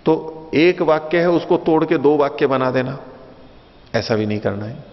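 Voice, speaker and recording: A man's voice: a little high, expressive, normal speed. A man teaching philosophy in a patient lecture, repeating and rephrasing his points and asking the listeners questions. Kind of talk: explanatory lecture with stories. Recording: dull lo-fi recording in a reverberant hall.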